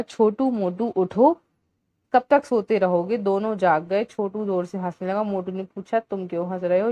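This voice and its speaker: A woman teacher slowly walking young children through a Hindi workbook lesson, sounding out syllables clearly one by one. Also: mid-range voice, darkish tone, dry recording. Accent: Indian Hindi.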